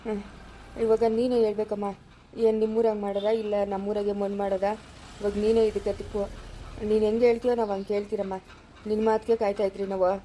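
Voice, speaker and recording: A woman with a rural Chikkaballapura Kannada accent playing a calm female relative in an amateur village family drama, speaking in a soothing, resigned, deferential way. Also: mid-range voice, quick pace, a little hiss or hum, natural voice. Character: calm middle-aged female relative arranging a burial.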